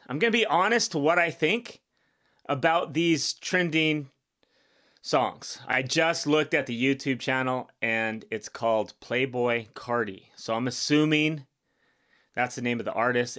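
A man's voice: medium pitch, a little slow, bright, forceful tone. A man in his fifties talks his way through a reaction video in a loose, casual manner. He is blunt about his opinions and rambles, filling the gaps with ums and you-knows. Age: 50s. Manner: blunt, rambling, with many fillers.

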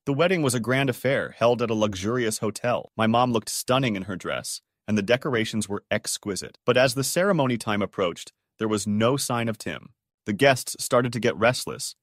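A man narrating stories in a dramatic, scripted way. His pitch rises and falls a lot, and the sound is close and dry with no room in it. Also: expressive, normal speed, dry recording. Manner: dramatic storytelling. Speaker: storyteller.

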